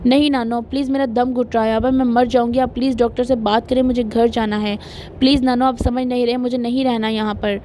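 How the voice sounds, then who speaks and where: Woman voicing a tearful young woman, stubborn and wounded, high-pitched pleading, audiobook novel. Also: little pitch movement, warm tone, slight background noise, close to an everyday voice. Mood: sobbing, pleading.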